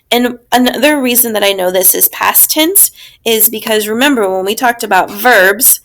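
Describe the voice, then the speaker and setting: Woman teacher, unhurried, patient grammar walkthrough for kids, mid-pitched. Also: gravelly, fairly bright tone. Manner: slow, patient, explaining step by step. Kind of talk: recorded grammar lesson.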